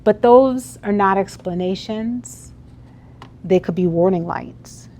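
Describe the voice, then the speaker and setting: Slow, unhurried woman giving a keynote. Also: medium pitch, mellow. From United States. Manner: conversational, engages the audience with questions. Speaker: keynote speaker. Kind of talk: motivational keynote speech. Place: event hall before a live audience.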